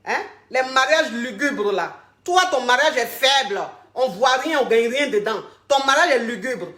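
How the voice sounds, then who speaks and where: A woman's voice: sits high, expressive, moderate pace, pushed and bright, echoey room. A woman relationship coach on a call-in advice show, giving blunt, preachy advice and mocking insults. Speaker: relationship coach answering callers.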